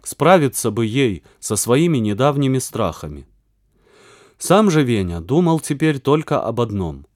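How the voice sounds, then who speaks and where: Lively male audiobook narrator. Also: mid-range voice, a little slow, no room sound, studio quality. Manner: expressive storytelling. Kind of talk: scripted narration.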